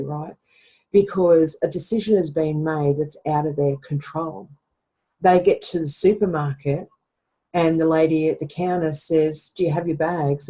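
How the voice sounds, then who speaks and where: Woman with a mellow, husky voice. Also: low voice, poor audio. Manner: conversational, often tags lines with "right?". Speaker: podcast host. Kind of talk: reflective casual talk.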